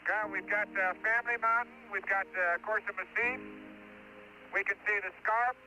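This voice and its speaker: A male astronaut speaking over a lo-fi space radio transmission from an archival mission recording, excited and marveling as he talks. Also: sits high, moderate pace, soft background music.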